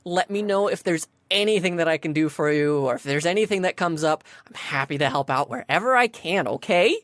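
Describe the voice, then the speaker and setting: A woman's voice: low voice, expressive, brisk, no echo. A woman voicing a perky, bubbly female sphinx who helps at a convention. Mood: cheerful. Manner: bubbly, eager to help.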